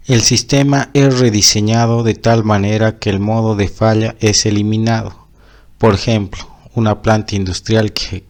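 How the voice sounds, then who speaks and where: A man narrating a scripted engineering lecture in a formal, measured way. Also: fairly low pitch. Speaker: engineering instructor.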